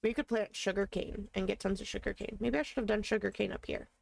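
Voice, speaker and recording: A woman's voice: medium pitch, fairly even intonation, quick pace, creaky. A woman streaming a video game live, chatting casually and thinking aloud as she plays. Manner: playful, answers chat.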